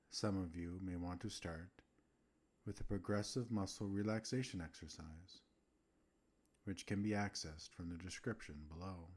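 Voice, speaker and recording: A man with a low voice hosts a meditation, calmly narrating a scripted guided relaxation and letting gentle pauses fall between phrases.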